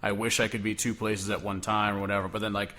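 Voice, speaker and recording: Fast-talking and flat in delivery, this young podcast co-host has a low-leaning voice with a bright, forceful tone. He chats casually and loosely, leaning heavily on "like" as filler.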